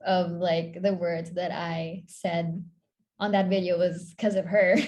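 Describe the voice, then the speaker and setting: A woman's voice: on the low side, fairly even intonation, takes it slowly, darkish tone. A young woman from the Philippines in her twenties, a content creator chatting casually and giggling as a podcast guest, with a rambling, filler-heavy way of talking.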